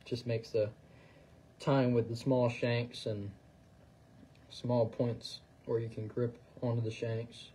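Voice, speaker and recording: Man, fly-tying demo, casual, level flat delivery, slight room noise. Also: medium pitch, takes it slowly, long pauses. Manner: relaxed, talks while working, fillers and trailing phrases. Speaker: fly tier demonstrating on a livestream. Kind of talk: casual instructional chat.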